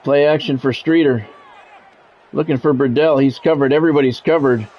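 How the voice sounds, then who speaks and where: This American man's steady, mid-range voice moves a little fast as he does live play-by-play of a football video game, chatting casually with stream viewers in short radio-sportscaster bursts. A dull lo-fi mic carries background music, some chatter behind him, and a little hiss or hum.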